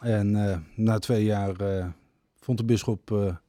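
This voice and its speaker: A man's voice: fairly low pitch, fairly even intonation, slow, warm tone, no room sound, clean studio sound. A man in his fifties from Groningen, a deacon, answering radio interview questions hesitantly with many fillers. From Netherlands, Groningen. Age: 50s.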